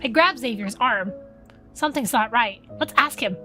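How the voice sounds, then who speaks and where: A woman streaming a game, reading the story aloud and breaking off into excitable reactions. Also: fairly high pitch, moderate pace, faint music behind.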